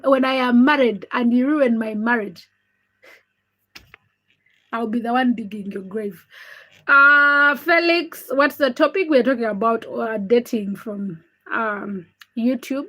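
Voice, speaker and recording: This is a livestream host: a young Ugandan woman, not a native English speaker, whose voice is high-pitched and a bit bright. She chats casually and candidly, reading comments and saying hello to viewers by name.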